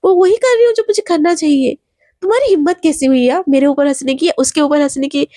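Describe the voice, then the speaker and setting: A woman's voice: sits high, fast talker, dark tone, no echo, clean studio sound, close to an everyday voice. A woman voicing a fierce, defiant young college woman who talks bluntly and threatens anyone who crosses her. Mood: furious.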